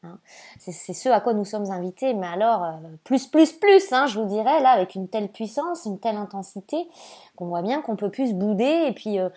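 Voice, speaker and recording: A woman giving a casual oracle card reading as a spiritual guide. She speaks in a halting, gentle and reassuring way, with many fillers and repeated words. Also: mid-range voice, expressive.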